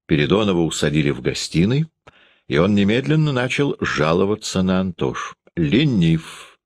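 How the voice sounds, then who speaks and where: A man narrating a classic novel as an audiobook, in an expressive, measured way. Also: low voice, no room sound, studio quality.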